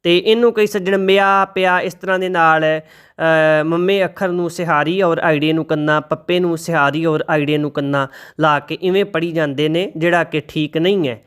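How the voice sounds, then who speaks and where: Man with a high, clear voice teaching recitation. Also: fairly even intonation, fairly bright tone. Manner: slow, deliberate, spells out letters and corrects pronunciation. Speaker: Gurbani pronunciation teacher. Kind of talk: recitation lesson with slow chanted verses.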